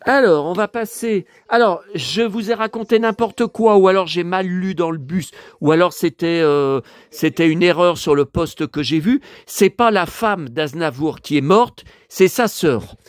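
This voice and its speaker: A hoarse man in a casual vlog, talking to his viewers and muttering exclamations to himself as he browses through his purchases. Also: sits high, a little slow, no room sound. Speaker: vlogger showing his purchases.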